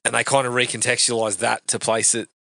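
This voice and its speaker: A man's voice: mid-range voice, little pitch movement, fast talker, vocal fry, pushed and bright, no room sound. A man, co-hosting a casual movie podcast, chatty and laid-back, often laughing. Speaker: podcast co-host.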